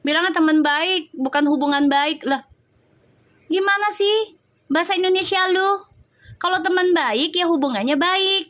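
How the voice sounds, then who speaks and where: A woman's voice: extremely high pitch, moderate pace, long pauses, fairly bright tone. A woman, chatting on a live stream and scolding viewer comments in a sassy, slangy way. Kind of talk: casual live-stream chat reading comments.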